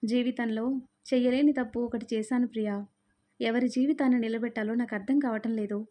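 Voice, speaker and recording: A woman voicing a gentle, troubled young husband who speaks softly and coaxingly. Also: a little high, steady tone, brisk, natural voice. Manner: soft, coaxing. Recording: dull lo-fi sound.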